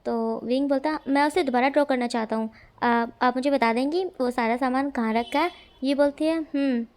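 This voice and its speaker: Woman narrator, casual storyteller, clear smooth tone, slightly high pitch, reads every character's lines herself. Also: brisk. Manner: casual, chatty retelling with fillers and restarts. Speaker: fanfiction narrator. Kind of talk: storytelling narration with quoted dialogue.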